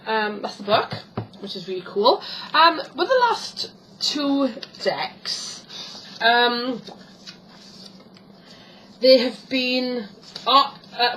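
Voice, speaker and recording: A woman's voice: fairly high pitch, a bit bright, a little hiss or hum, rough recording. A woman chatting casually as she unboxes a tarot book, rambling with many ums and self-corrections. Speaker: tarot vlogger.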